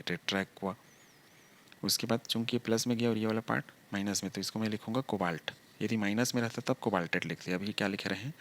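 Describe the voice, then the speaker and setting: A man's voice: lowish voice, slight background noise. A male chemistry teacher giving a lecture, talking through each step and asking the class rhetorical questions.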